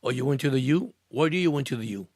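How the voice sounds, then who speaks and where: This man's mid-range, darkish voice moves at a quick pace with lively intonation. He's about sixty, born in Cuba and raised in Miami, hosting a casual sports live stream where he rambles earnestly, restarts, repeats words and answers viewers. The sound is dry and clean, captured on a studio microphone.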